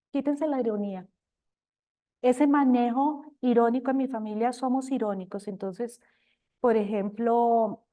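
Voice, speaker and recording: Expressive Colombian woman, mellow voice. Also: a little high. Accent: Colombian Spanish. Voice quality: talks loudly at times. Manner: expressive, addresses listeners as companions. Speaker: speaker at a recovery group talk. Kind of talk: personal sharing talk.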